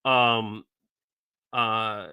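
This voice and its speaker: A man hosting a podcast in casual chat, halting and full of ums. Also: on the low side, little pitch movement, sharp tone, smooth. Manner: halting, filler-heavy speech. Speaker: podcast host.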